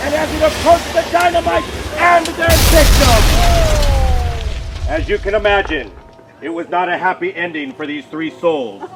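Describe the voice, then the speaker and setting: A man narrating a melodramatic tale in a theatrical storybook style. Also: high voice.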